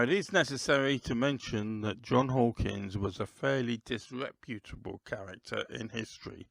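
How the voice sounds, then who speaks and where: Slow, gravelly man hosting a podcast. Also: medium pitch, no room sound. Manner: measured, deliberate, with occasional "uh" pauses. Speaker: podcast host. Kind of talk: solo history podcast talk.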